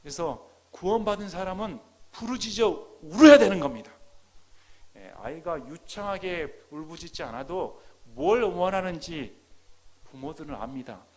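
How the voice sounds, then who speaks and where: A man preaching a sermon as a pastor. He swings between loud, crying-out peaks and hushed near-whispers, acting out quoted prayers. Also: a little high, expressive, normal speed. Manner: acts out quoted prayers and parents' lines.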